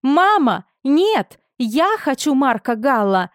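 Shrill and petulant, this spoiled noble girl, as a woman reads her, whines her protests well above a normal speaking pitch. The voice is loud and pushy, with a jealous, wounded edge. It sounds dry and close, with no room around it. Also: sing-song, slow pace, no room sound, full character voice. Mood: pleading.

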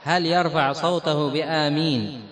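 A man's voice: fairly high pitch, measured pace, a crowd in the background. A man teaching a religious lesson to a class, quizzing the students and drawing words out to show how they are pronounced. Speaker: Islamic teacher.

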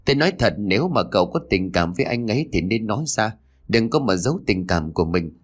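A man's voice: lowish voice, expressive, fast. A man voicing a loyal, teasing male school friend in a read-aloud story. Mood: reassuring.

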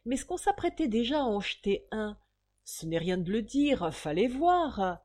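A woman reading a short story aloud in an expressive storytelling manner, relishing old street slang. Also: on the high side, normal speed. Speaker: narrator.

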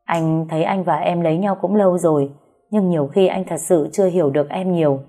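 A woman's voice: lowish voice, steady tone, brisk, mellow, soft background music. A woman voicing a good-natured, easygoing husband in a breezy, casual way.

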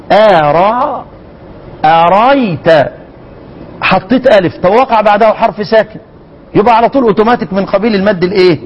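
A man with an Egyptian Arabic accent teaching Quran recitation in a lecture, repeating words slowly as examples and quizzing his students. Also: high-pitched, lo-fi sound.

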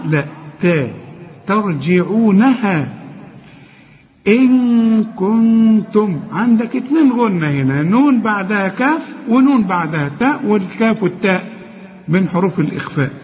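A man with an Egyptian accent teaching Quran recitation one-on-one. He corrects his student, chides him mildly, and recites words slowly as models. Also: sits high, slight background noise. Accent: Egyptian Arabic. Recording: dull lo-fi recording with long reverb.

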